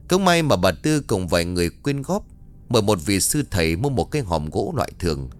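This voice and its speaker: Expressive male ghost-story narrator. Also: fairly low pitch.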